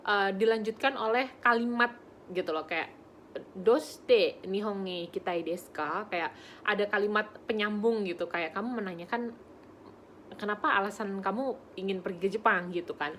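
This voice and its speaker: A woman's voice: mid-range voice, fairly bright tone, a little hiss or hum. Chatty young woman teaching pronunciation. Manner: chatty, laughs often, demonstrates pronunciation slowly. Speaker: Japanese conversation teacher. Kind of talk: casual explanatory lesson.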